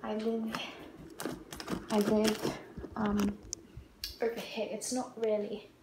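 An Australian teenage girl vlogs to camera in a casual question-and-answer chat, hesitant and rambling and often repeating herself. Her voice is medium-pitched and monotone, and she speaks slowly. She's in a small bare-walled room at home, and the recording sounds roomy, with loud background noise and clicks.

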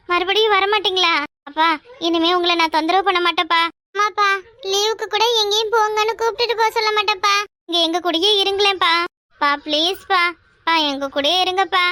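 A small cartoon child, voiced by a woman pleads in a whiny voice. The pitch is very high and the pace is fast, with a dry, close sound. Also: sharp tone, no room sound. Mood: pleading. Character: small child begging its father to stay.

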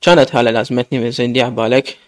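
Fast-reading Iraqi male storyteller. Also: medium pitch, fairly even intonation.

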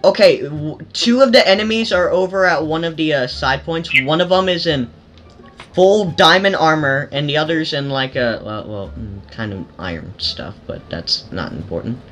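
A man hosting a gaming channel, giving casual commentary while playing, excitable and yelping in fights. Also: fairly high pitch, normal speed, faint music behind. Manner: excitable, yelps during fights.

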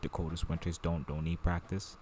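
Deep-voiced laid-back gaming host. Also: male voice, flat delivery, brisk, warm tone, a little hiss or hum. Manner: laid-back, slangy, chatty. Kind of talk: casual gameplay commentary.

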